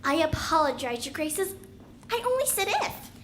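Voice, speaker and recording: A woman's voice: very high-pitched, sing-song, moderate pace, noisy background. A woman playing a polite, earnest, plucky girl who is puzzled by the world around her, in children's musical theatre.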